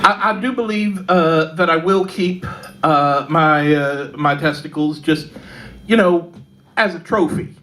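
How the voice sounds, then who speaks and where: A Texan woman with a low-sitting voice performs stand-up at a pub comedy club, delivering dark jokes slowly and deadpan. She uses lots of fillers and laughs a little at her own lines. A live club mic picks up loud audience laughter.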